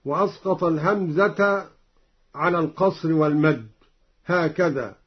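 Man slowly explaining and chanting scripture. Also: fairly high pitch, slightly rough. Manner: measured, alternates plain explanation with melodic chanting. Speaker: Quran recitation teacher. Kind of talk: explaining variant readings and chanting verses. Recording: dull lo-fi recording.

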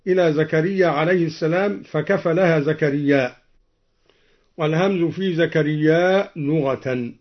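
Brief: slightly high male voice teaching recitation, alternates plain explanation with slow chant, muffled lo-fi recording.

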